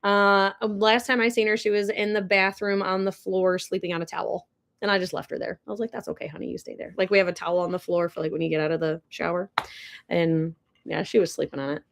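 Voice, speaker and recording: Speaking fast with vocal fry, this young woman's lowish voice shows little pitch movement. She hosts a ranch livestream from a barn or home, chatting casually, gushing and replying to viewers' comments.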